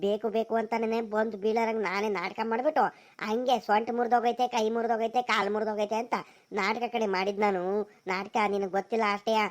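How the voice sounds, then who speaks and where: A woman's voice: a little high, flat delivery, fairly quick, lightly acted. Woman voicing a coaxing cartoon village lad. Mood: explaining. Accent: Karnataka rural Kannada. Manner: coaxing, soothing. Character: young village man Rangu, sly and soothing. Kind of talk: cartoon voice acting.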